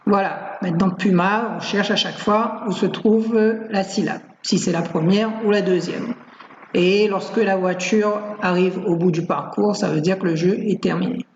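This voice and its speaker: A woman's voice: mid-range voice, steady tone, moderate pace, slight background noise. Woman teacher, screencast explanation, patient, hesitant fillers, roomy echo, dull lo-fi sound. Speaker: primary school teacher. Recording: roomy, dull lo-fi home recording.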